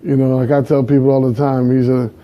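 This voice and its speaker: A man's voice: mid-range voice, flat delivery, brisk. A man from Barbados interviewing casually, often murmuring agreement. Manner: affirming, lots of murmured agreement. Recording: slightly dull lo-fi sound.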